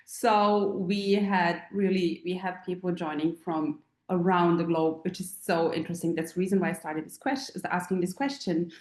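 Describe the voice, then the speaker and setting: A woman's voice: on the low side, fairly even intonation, normal speed, few pauses, darkish tone, roomy sound. A woman from Serbia, about forty, hosting a live online Q&A as a feng shui teacher, rambling with many fillers and restarts. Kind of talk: live online call, casual talk.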